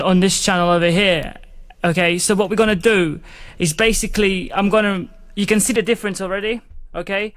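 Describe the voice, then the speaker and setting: Speaking into a studio mic routed to a recording channel, a man walks through music production software one step at a time in his home studio. He keeps it loose and casual, leaning heavily on "you know" and "like." His high-pitched voice is a bit bright, with no room sound.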